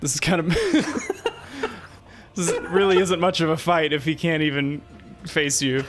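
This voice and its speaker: A man's voice: a little high, animated, slow pace, music in the background. A man casually narrating a tabletop game as game master, improvising hesitantly.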